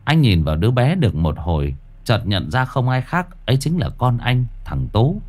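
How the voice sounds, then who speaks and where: A man reading a scripted ghost story as narrator, with expressive storytelling. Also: medium pitch, normal speed. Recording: faint music behind.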